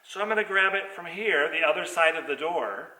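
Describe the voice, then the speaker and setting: In a step-by-step practical theatre class, the teacher speaks a little fast with lively intonation, his voice on the high side, bright and forceful. A far-off computer mic on a video call captures him in an echoing theater.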